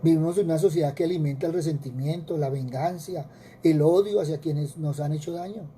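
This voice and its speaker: Dark-voiced Colombian preacher. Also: male voice, fairly high pitch, brisk, slight background noise. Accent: Colombian Spanish. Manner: earnest preaching with repetitions and rhetorical questions. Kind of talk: sermon.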